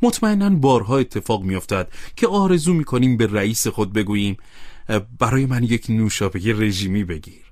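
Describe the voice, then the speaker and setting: Man reading an audiobook, lively pitch. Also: dry recording, studio quality. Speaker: audiobook narrator. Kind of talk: audiobook narration.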